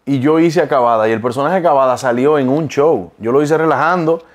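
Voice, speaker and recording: A man's voice: medium pitch, brisk. A Dominican man, an impressionist comedian, telling stories and explaining his craft in a casual interview. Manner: lively storytelling, explains with examples.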